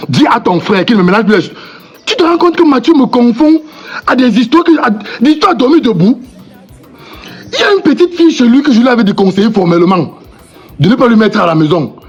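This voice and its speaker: Comic sketch: a man plays an agitated Cameroonian accused friend, high and jumpy in pitch, loud and repetitive. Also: muffled recording. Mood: outraged. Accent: Cameroonian French. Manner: agitated, repeats himself, protests loudly. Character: indignant man accused of flirting, quick to anger. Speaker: actor in a comedy sketch.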